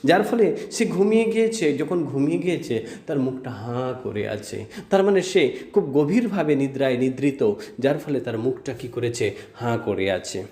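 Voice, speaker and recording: A man's voice: mid-range voice, lively intonation, moderate pace, a little mellow, reverberant. A man teaching a poem line by line, reading each phrase and then explaining it with rhetorical questions. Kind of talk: line-by-line poetry lesson.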